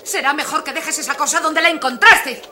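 A woman's voice: high-pitched, a little fast, slight background noise. A voice actress playing a fed-up café owner who scolds her husband in a dubbed film. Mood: furious. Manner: shouting, scolding, bossy. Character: fed-up, furious woman running a roadside café.

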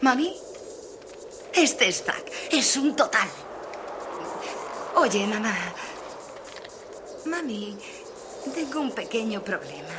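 A woman's voice: on the high side, big pitch swings, noisy background. A voice actress playing a teenage daughter who wheedles her mother for money in a dubbed film. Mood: wheedling. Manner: wheedling, slow.

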